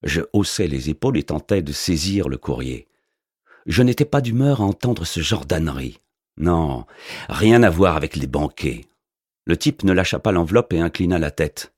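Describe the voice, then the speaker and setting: Deep husky male audiobook narrator. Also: animated, no echo. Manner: dry, wry, unhurried storytelling. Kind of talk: first-person novel narration.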